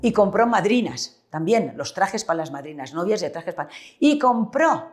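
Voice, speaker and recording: A woman's voice: on the low side, moderate pace. A woman in her seventies with a Valencian-tinged Spanish accent, reminiscing in an interview about her family's shop and acting out the dialogue she remembers. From Petrer, eastern Spain. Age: 70s. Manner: animated storyteller who acts out remembered dialogue. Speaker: retired shopkeeper.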